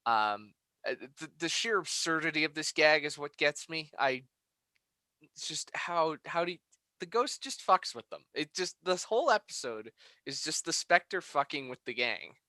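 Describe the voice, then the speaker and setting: A man's voice: a little high, lively intonation, normal speed, sharp tone, no echo. A man co-hosting a podcast review, chatting casually, laughing often and swearing freely. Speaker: podcast co-host.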